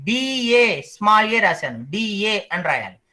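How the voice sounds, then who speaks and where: A male teacher giving an online class, repeating each term slowly so the students memorize it. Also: high voice, big pitch swings, bright, forceful tone, low-quality recording.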